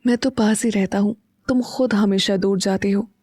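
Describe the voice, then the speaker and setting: A woman's voice: steady tone, normal speed, no echo, studio quality, close to an everyday voice. Woman voicing a tender, teasing young husband. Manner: soft, low, intimate murmuring.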